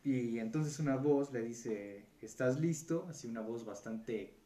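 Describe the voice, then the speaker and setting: A man's voice: mid-range voice, a little slow. A man telling a story in casual, rambling chat, full of slang and filler words. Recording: roomy echo with faint background noise.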